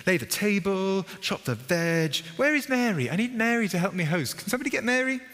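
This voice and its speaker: Man doing a flustered woman, frantic, high-pitched, exclaiming to herself, long reverb. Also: big pitch swings, fairly quick, fairly bright tone. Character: flustered woman frantically preparing a meal for guests.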